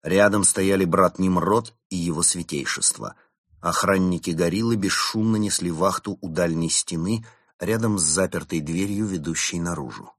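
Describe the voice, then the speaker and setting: Deep husky male storyteller. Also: normal speed, no room sound, studio quality. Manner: steady expressive reading. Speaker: audiobook narrator. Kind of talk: storybook narration.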